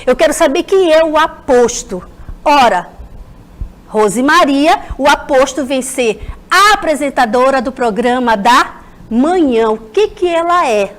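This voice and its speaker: A Brazilian woman teacher giving a televised school lesson, speaking to the children in an animated way and addressing them directly. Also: high-pitched.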